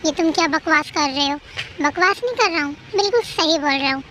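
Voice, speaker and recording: Very high-pitched storyteller acting every role. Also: brisk, pushed and bright, a little hiss or hum. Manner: acts out each character's dialogue with pleading emotion. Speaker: storyteller voicing every character. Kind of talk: dramatic fan-fiction reading.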